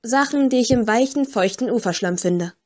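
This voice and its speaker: A woman's voice: on the high side, normal speed, darkish tone, close to an everyday voice. Flo Bones, brash cheeky scavenger played by a woman. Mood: sly murmur. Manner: brash, crude, teasing. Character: scruffy cheeky young female river scavenger.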